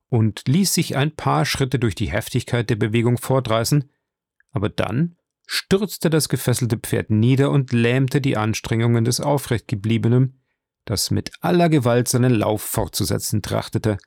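Gravelly male audiobook narrator. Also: medium pitch, a little mellow, no room sound, clean studio sound.

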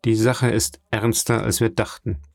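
A dignified middle-aged shipowner speaks earnestly and with measure, as a male audiobook narrator gives him voice. The voice is low and gravelly in a dry, close recording. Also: level tone, a little slow, dry recording.

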